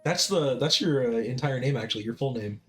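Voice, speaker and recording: A man's voice: mid-range voice, a little fast, faint music behind. Man trading dry teasing remarks. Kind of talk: casual chat.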